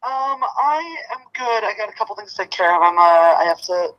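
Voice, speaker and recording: A woman's voice: medium pitch, lively intonation, a little fast, highs cut off. A woman calling in over speakerphone, chatting in a casual, friendly way. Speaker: phone caller. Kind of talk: casual phone chat. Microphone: phone on speaker. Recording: distant, thin phone audio.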